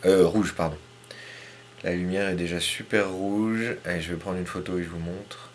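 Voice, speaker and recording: A man calmly talking through a hands-on tutorial in his home kitchen, step by step, sometimes murmuring to himself as he works. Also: low-pitched, moderate pace, a little hiss or hum. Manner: calm, step-by-step, talks to himself while working, drops to murmurs. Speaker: hobbyist astrophotographer.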